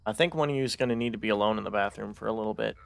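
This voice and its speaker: Gravelly joking gamer guy. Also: on the low side, rapid-fire, no room sound. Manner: joking, profane, laid-back. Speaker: gamer playing with friends. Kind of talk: casual gaming chat.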